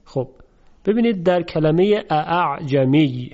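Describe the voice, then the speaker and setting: A male Quran recitation teacher giving a lesson slowly and deliberately, repeating sounds to show how they are said. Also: on the high side, expressive, a little mellow. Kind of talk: recorded lesson. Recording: slightly dull lo-fi recording.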